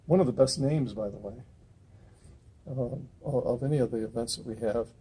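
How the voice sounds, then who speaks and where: A man's voice: medium pitch, moderate pace, dark tone, husky. A man hosting a casual interview at an outdoor car show, rambling and restarting his sentences. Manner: rambling, many fillers and restarts.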